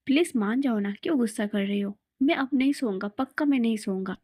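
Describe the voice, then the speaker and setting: A woman's voice: fairly high pitch, fairly quick, darkish tone, no echo, studio quality, lightly acted. A woman voicing a playful young man in a storybook reading, apologizing and pleading to win someone back.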